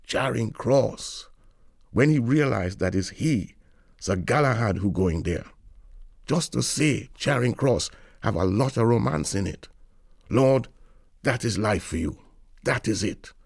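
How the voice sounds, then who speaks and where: A man reading a novel aloud in a lilting, expressive storytelling manner. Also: lowish voice, measured pace, creaky, dry recording, clean studio sound. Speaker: reader.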